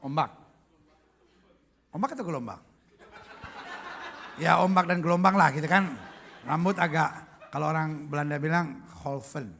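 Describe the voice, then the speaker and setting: A man's voice: fairly high pitch, normal speed, creaky, pauses often, slight background noise. A male pastor preaching a humorous sermon, joking and mimicking how different people speak. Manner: lively, jokey, mimics accents and voices.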